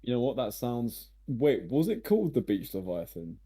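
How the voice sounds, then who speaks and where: A man with a mellow, darker voice, chatting in character at a tabletop game. He trips over his words and restarts eagerly as he asks questions. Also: mid-range voice, sing-song, normal speed, husky. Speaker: player. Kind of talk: casual in-character banter.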